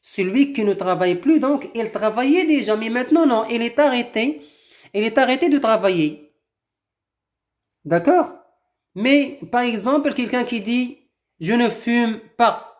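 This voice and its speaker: A woman teaching a language lesson, reading a short text aloud and explaining each new word slowly, rephrasing it with several synonyms. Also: a little high, lively intonation, darkish tone. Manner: slow and deliberate, repeats and rephrases words with several synonyms. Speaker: French teacher.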